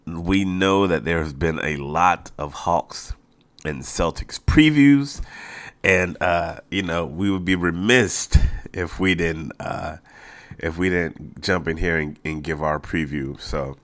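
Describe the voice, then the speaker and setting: A man's voice: low-pitched, measured pace, a bit bright, no room sound. A man hosting a casual solo sports podcast, a little nasal and congested, talking informally and repeating phrases for emphasis. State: mildly congested from allergies. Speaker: podcast host.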